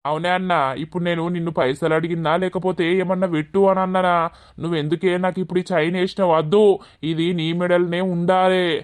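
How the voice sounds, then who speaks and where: Cartoon young man, voiced, soft reassuring younger brother, smooth tone, Telangana accent. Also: medium pitch, little pitch movement, fast talker, no echo, close to an everyday voice. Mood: gentle. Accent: Telangana Telugu. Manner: gentle, reassuring. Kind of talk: cartoon voice acting.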